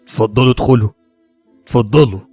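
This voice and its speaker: A man's voice: medium pitch, quick pace, breathy edge, no echo, faint music behind. A man voicing a frightened Egyptian woman in her fifties who speaks with an Egyptian accent and pleads urgently. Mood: defeated. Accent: Egyptian Arabic. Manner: urgent, pleading, hushed warnings.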